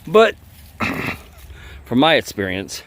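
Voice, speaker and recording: Speaking very slowly in a sing-song, mid-range voice with a fairly bright tone, a southern U.S. man films a playful outdoor vlog. He's a bladesmith hobbyist doing a casual demo in a bamboo grove, phone in hand, teasing the plants.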